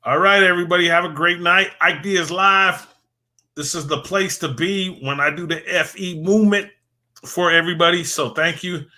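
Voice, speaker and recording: A man with a high, pushed, bright voice and fairly even intonation hosts a late-night livestream at a moderate pace. He chats casually, rambling and repeating words as he names and thanks viewers, while his voice grows worn and fades.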